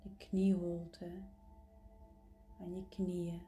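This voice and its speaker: A woman guides a relaxation meditation in a soft, breathy, partly whispery voice that feels close and intimate, as if right in your ear, soothing with gentle pauses. Her voice is lowish with little pitch movement, and there is a little hiss or hum.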